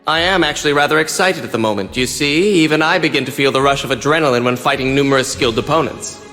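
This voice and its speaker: A man's voice: mid-range voice, quick pace, bright, forceful tone, lightly acted. A man voicing a theatrical, scheming villain in an anime dub, formal and suave. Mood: smug, calm. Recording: long reverberant hall, music behind.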